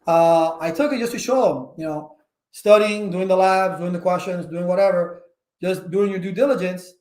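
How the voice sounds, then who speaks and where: A man hosting a casual livestream talk, energetic and rambling, with many fillers and restarts. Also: high voice, moderate pace, roomy sound. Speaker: channel host.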